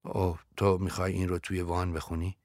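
A man voicing a lonely young woman in love, soft and pleading, in a very deep voice. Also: little pitch movement, dry recording, studio quality. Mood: wistful.

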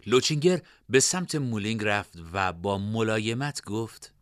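A man narrating a fantasy story in expressive storytelling style. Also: lowish voice, no room sound, clean studio sound.

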